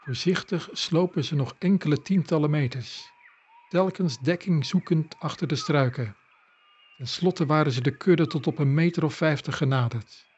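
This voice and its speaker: A man narrating a storybook in a calm, measured reading. The recording sounds slightly dull and has faint music. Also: fairly high pitch, husky.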